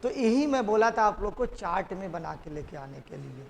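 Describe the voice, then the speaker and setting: A man's voice: high voice, sing-song, normal speed, creaky, a crowd in the background. A male teacher giving a classroom lecture, repeatedly quizzing his students and having them echo the key terms. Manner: drilling students with repeated questions. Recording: classroom with long reverb.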